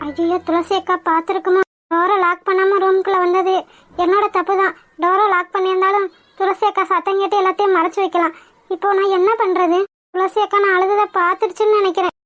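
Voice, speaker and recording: A woman's voice: extremely high pitch, level tone, brisk, a bit bright. A woman voicing a secretive, guilty young woman in a cartoon, pleading and tearful. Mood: anxious. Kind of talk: cartoon voice acting.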